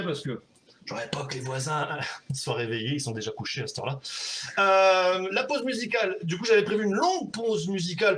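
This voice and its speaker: A man hosting a casual livestream from home on a webcam, out of breath and excitable, swearing and laughing between segments. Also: a little high. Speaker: livestream host. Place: home room.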